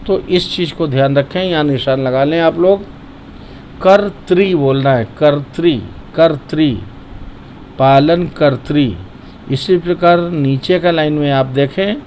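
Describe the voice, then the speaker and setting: A man teaching the correct pronunciation of devotional verses, chanting lines slowly and then correcting single syllables. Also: on the high side, darkish tone, muffled recording, slight background noise. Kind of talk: patient recitation lesson.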